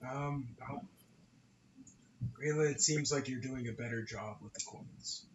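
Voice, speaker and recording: A man's voice: mid-range voice, a little slow, dull audio, background noise. A man playing a tabletop game, bantering playfully with the table. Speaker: player. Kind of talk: casual tabletop play.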